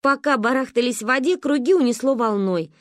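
A woman narrating a humorous story as an audiobook, with lively storytelling. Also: sits high, fairly quick, dry recording, studio quality. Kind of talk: expressive audiobook reading.

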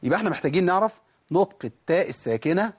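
This recorded recitation lesson features an Egyptian-accented man with a high-pitched, husky voice, speaking in an animated, racing way. He teaches Quran recitation by answering his own questions and repeating words to show how letters are pronounced.

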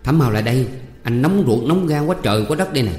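Storybook: man doing a pushy young heir, Southern Vietnamese accent, teasing, coaxing; reverby room, soft music bed. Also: medium pitch, expressive, fast talker, natural voice. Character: young male landowner's son, eager and pushy. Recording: roomy reverb, faint music.

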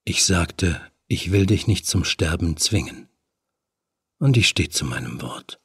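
A seductive demon with a hook for a hand, his body swarming with bees, murmurs in a deep, husky near-whisper, as a male narrator puts him on. He draws every word out slowly and menacingly. The audiobook recording is dry and close. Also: animated, no echo, heavily acted. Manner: low murmuring, sinking to a hushed whisper.

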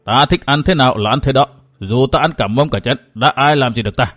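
A man voicing a stubborn, boastful old martial-arts master who talks loud and blunt. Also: medium pitch, fairly quick, faint music behind, natural voice. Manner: loud, gruff and brusque.

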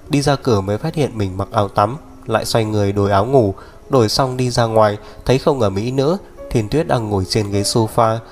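Giọng nam đọc truyện đều đặn. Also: male voice, mid-range voice. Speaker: audiobook narrator. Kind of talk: scripted narration. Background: faint music.

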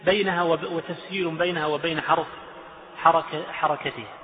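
A sheikh with a slightly high voice teaches a classroom lesson on Quranic recitation rules, speaking in a steady tone at a fairly quick pace. He repeats examples, chants verses, and asks the students questions, recorded in an echoey hall over a tinny line.

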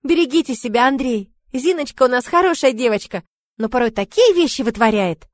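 Woman doing a worried fussy mom, gentle fretting tone, dry close sound. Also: sits high, expressive, a little fast, no room sound, voice pushed up. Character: fussing, anxious middle-aged mother.

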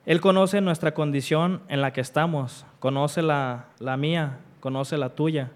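Guy preaching a sermon, kinda high smooth voice, punches each repeated line. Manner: emphatic repeated refrains, rising on each; reads scripture aloud with slow deliberate pauses.

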